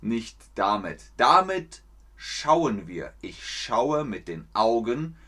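A man teaching German in a livestream, speaking slowly and clearly with playful high jumps in his voice. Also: very animated, pushed and bright. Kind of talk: livestreamed language lesson.

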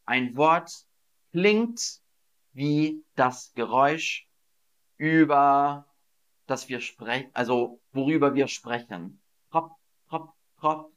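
Slow, lively-voiced male German teacher. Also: fairly high pitch. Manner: slow, drawn-out teaching delivery with repeated questions; acts out sounds playfully. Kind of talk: livestreamed language lesson. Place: Berlin.

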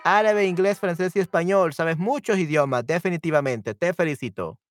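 A man hosting a live-stream language lesson, cheerful and quick to laugh, repeating phrases slowly and switching between two languages. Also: high-pitched, no room sound, studio quality.

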